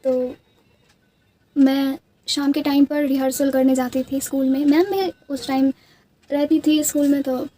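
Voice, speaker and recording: A woman's voice: high voice, steady tone, unhurried, pauses often, dark tone. A young woman with a Bengali accent, a native Bengali speaker, telling childhood stories in casual chat while doing her makeup, rambling with many restarts. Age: young adult. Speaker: beauty vlogger.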